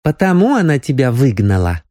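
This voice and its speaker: A man's voice: mid-range voice, big pitch swings, a little fast, dark tone, no echo, studio quality, pitched above the performer's own voice, close to an everyday voice. A man voicing a teasing, lovestruck young village woman in a raised, girlish, pleading voice. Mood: earnest, teasing.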